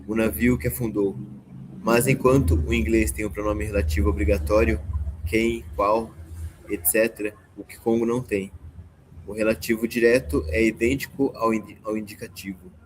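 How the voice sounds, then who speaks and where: A man's voice: fairly low pitch, little pitch movement, moderate pace, background noise. A man taking part in a language lesson as a student, carefully explaining grammar with hesitant restarts. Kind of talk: reading aloud in a lesson.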